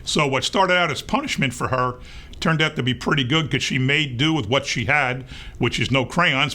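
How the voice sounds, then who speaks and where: A man reading a picture book aloud to young children in an expressive read-aloud manner. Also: mid-range voice. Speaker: storybook reader.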